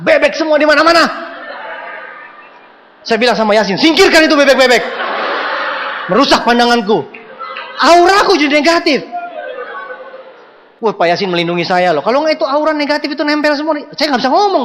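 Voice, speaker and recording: A man giving a motivational seminar talk to a live audience, animated and joking, speaking to them directly. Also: very high-pitched, fast, a little hiss or hum. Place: large hall with audience. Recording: long hall reverb.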